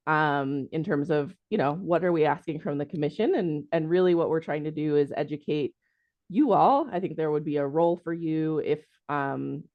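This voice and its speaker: Woman city staffer walking folks thru a presentation, low voice, dry muffled sound, lots of ums. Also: no echo. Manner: informal, hedging with frequent ums. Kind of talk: online meeting presentation.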